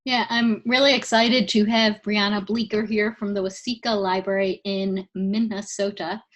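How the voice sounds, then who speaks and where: A woman's voice: medium pitch, little pitch movement, normal speed. A woman introducing a guest on a video call, enthusiastic and joking at her own expense. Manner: enthusiastic, self-teasing. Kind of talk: casual video call talk.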